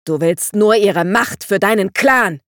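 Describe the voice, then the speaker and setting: A woman voicing a furious winged father in a fantasy audiobook, shouting in anger. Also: mid-range voice, a little slow, no echo, studio quality, close to an everyday voice. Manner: angry, shouting. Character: furious winged father protecting his child.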